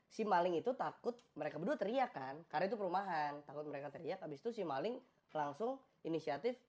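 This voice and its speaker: A woman's voice: low voice, expressive, quick pace, darkish tone. Playful slangy woman telling a joke. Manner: playful, slangy, acts out sounds. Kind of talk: casual comedic storytelling.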